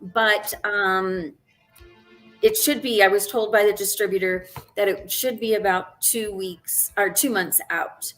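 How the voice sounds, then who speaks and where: A woman's voice: mid-range voice, fairly even intonation, a little slow, fairly bright tone, soft background music. A woman in her sixties, a guest on an interview show, talking casually with lots of ums and restarts. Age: 60s. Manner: chatty, frequent ums and restarts, laughs easily. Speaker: interview guest, actress and director.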